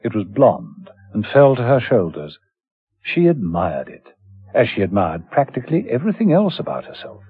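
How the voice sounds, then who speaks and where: A man's voice: lowish voice, big pitch swings, moderate pace, husky. A man narrating a scripted old radio drama serial as its storyteller. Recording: dull vintage radio recording.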